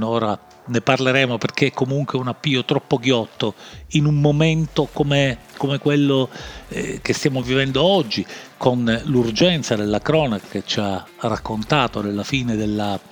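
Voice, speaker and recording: A man with a nasal voice and a Sicilian accent hosts a solo podcast off the cuff, halting and backtracking as he goes. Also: medium pitch. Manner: halting, rambling, often backtracking. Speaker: podcast host. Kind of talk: improvised solo podcast monologue. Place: home-made podcast recording.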